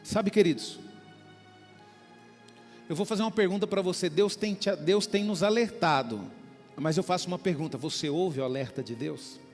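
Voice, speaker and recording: Male pastor, sermon delivery, high voice, reverberant church hall with faint music beneath. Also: moderate pace, pauses often, darkish tone. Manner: preaching with small acted-out dialogues and frequent "queridos".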